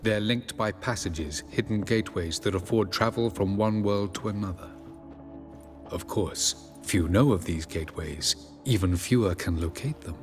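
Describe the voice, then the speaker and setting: An actor playing an aloof, ancient elven sage who speaks in a measured, formal, faintly sardonic way. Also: male voice, lowish voice, natural voice. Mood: cool formal. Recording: game audio with music behind.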